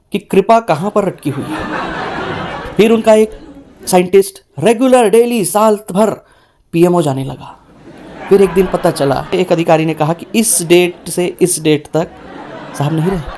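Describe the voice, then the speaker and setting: A man's voice: unhurried, pauses often, slight background noise. A young man performing a stand-up comedy set, acting out characters with big swings in his voice. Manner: animated, acts out characters with shifting pitch.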